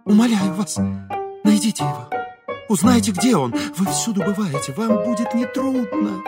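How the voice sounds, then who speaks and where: A man voicing an anxious, sentimental middle-aged woman fortune-teller who pleads in a hushed, breathy way. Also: sits high, lively intonation, moderate pace, loud music behind the voice, voice pushed up. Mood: anxious pleading.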